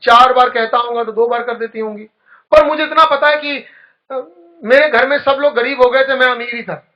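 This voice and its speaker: A man giving a motivational speech, telling a personal story with feeling and dropping soft at the tender parts. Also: steady tone, moderate pace. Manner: storytelling, emotional, drops low and soft at touching moments. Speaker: motivational speaker. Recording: dull lo-fi recording.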